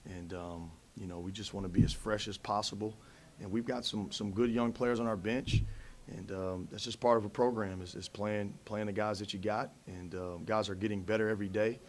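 A man in his thirties, a head coach at a post-game press conference, answering in a measured way with many fillers and restarts into a table mic. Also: fairly low pitch, steady tone, slight background noise. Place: press conference room in front of a backdrop. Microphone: table mic in front of him.

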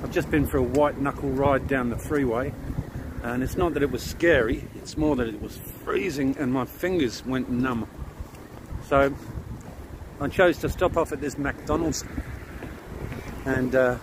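An easygoing middle-aged Australian vlogger chats about his lakeside camping trip to a handheld camera at arm's length. His mid-range voice is unhurried and his manner relaxed and chatty, with background noise audible throughout this casual travel narration.

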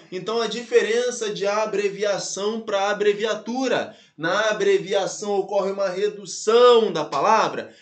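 A Brazilian man with a high voice teaches a grammar class with lively energy. He keeps calling out to his students and slows down to spell letters out one at a time. The sound is roomy and echoing. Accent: Brazilian Portuguese. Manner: lively, addresses viewers as "galera" and "pessoal", spells letters out slowly. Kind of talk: online grammar lesson.

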